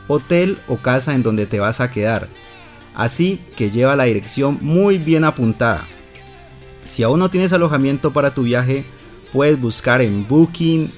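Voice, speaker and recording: A man co-hosting a language lesson, explaining travel tips and slowly modelling English phrases, then repeating them. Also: medium pitch. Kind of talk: teaching English phrases in Spanish.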